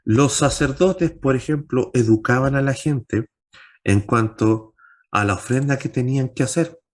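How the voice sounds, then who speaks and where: A man teaching a Bible class as pastor, posing rhetorical questions and answering them himself, pushing his pitch up on key points. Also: unhurried.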